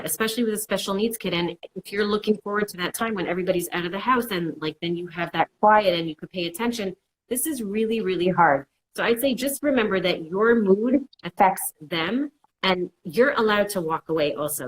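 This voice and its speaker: A woman's voice: on the low side, slight background noise, rough recording. A woman counselor giving casual, reassuring advice and acting out worried inner voices in quotes. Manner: reassuring, repeats "it's okay". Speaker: mental health counselor. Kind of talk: conversational advice.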